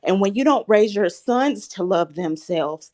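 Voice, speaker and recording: This caller in a live talk room is a Southern American woman in her thirties with a medium-pitched, animated voice that moves a little slowly. Soft-spoken and earnest, slightly shaky, she grows firm and insistent once someone pushes back.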